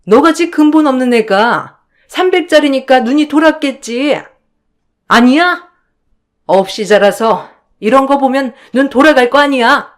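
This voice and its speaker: A woman voicing a scornful middle-aged sister-in-law who shouts accusations. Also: on the high side, voice pushed up.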